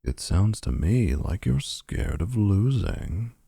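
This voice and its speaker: A man playing a gravelly, smug vampire flirt. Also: low-pitched, very animated, takes it slowly, mellow, no room sound, studio quality, heavily acted. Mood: scornful.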